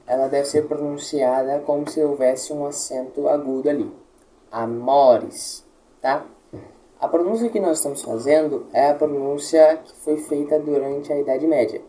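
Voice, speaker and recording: A man's voice: a little high, warm tone, poor audio. A man teaching Latin pronunciation, patiently modelling words and checking with his listeners. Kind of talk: pronunciation lesson.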